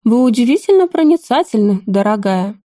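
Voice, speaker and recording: A mocking, sharp-tongued old grandfather king, as a woman reader puts him on. His jabs come in a mellow, softened tone, recorded close and dry. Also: on the high side, big pitch swings, moderate pace, no echo. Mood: snide. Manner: snide, teasing.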